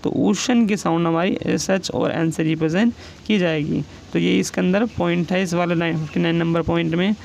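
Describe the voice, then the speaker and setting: A man with a high, gravelly voice teaches shorthand, saying each example word slowly and repeating it. There is a faint hiss of noise behind him. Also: fairly even intonation, a little mellow, low-quality recording. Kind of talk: classroom explanation.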